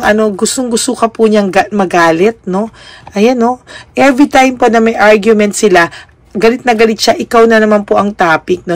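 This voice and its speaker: A woman's voice: mid-range voice, dry recording. A woman giving a tarot reading straight to her viewers. She speaks politely and ends almost every phrase with a questioning tag. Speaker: tarot card reader.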